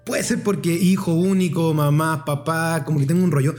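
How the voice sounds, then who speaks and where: A man with a Chilean accent, chatting casually on a podcast in an expressive, self-mocking way. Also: fairly high pitch, normal speed, soft background music. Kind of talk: casual chat.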